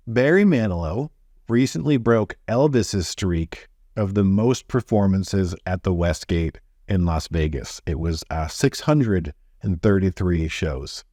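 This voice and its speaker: Low-voiced man telling rambling stories. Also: a little mellow, dry recording, clean studio sound. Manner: rambling, self-deprecating storytelling. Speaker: show host. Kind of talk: casual chat.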